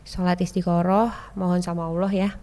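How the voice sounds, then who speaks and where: A woman, a podcast guest telling a personal story in a chatty, animated way and acting out the people she quotes. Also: a little fast. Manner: animated, acts out quoted people with sharp jumps in pitch and loudness; chatty, keeps addressing the host as "Mas". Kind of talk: casual storytelling chat.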